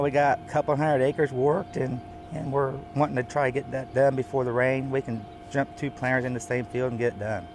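A middle-aged man, a farmer speaking practically in an on-camera interview outdoors, with fillers. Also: mid-range voice. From United States.

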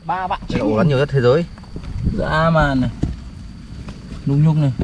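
A young man, hosting an outdoor video and exclaiming loudly in amazement while digging in a field. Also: a little high, steady tone, a little fast, gravelly, background noise. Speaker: video host. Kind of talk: excited outdoor commentary. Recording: background music over field audio. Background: background music.

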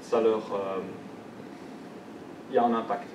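A young man presents at a conference in a fairly low voice with little pitch movement and a measured pace. He has a Belgian French accent, isn't a native French speaker, and fills his talk with fillers and restarts. The distant mic picks up hall echo and background noise in the large venue.

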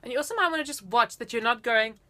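A woman's voice: fairly high pitch, lively intonation, fast talker, pushed and bright. A woman in her thirties giving casual, explanatory and encouraging music instruction to camera. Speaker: flute teacher. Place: indoors, small room at home.

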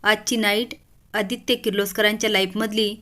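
A woman's voice: medium pitch, little pitch movement, moderate pace, bright, forceful tone, natural voice. A woman voicing a cold, smug young woman who plots harm. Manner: smug, scheming.

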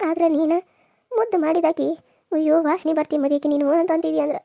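A frail old village grandmother in a cartoon serial, voiced by a woman, speaking. She laments and reproaches in a high, quick voice. The tone is mellow and the sound is dry. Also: fairly even intonation, creaky, no echo. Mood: hurt.

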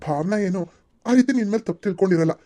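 A woman voicing a mild, advising father in a cartoon serial, speaking in a calm, soothing way. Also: medium pitch, fast, natural voice. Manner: mild calming.

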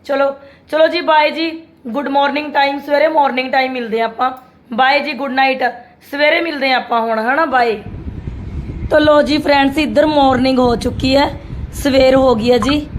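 A middle-aged woman with an Indian Punjabi accent and a sore, hoarse throat, chatting casually as she narrates a daily family vlog. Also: high voice, a little hiss or hum. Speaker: family vlogger.

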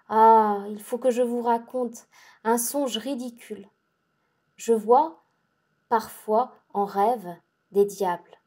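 A feverish young girl who swings between rapture and dread, her speech breathless and urgent, as a woman reads her. The voice sits fairly high, with a soft, mellow tone. This is a dramatic audiobook reading. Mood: intense. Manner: excitable, breathless, intense.

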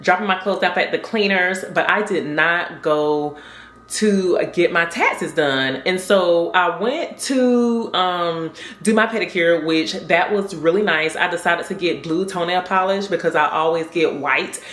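A woman's voice: on the low side, a little slow, a bit bright. Chatty woman vlogging in a roomy space. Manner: chatty, storytelling, rambling asides. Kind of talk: casual vlog chat. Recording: roomy echo.

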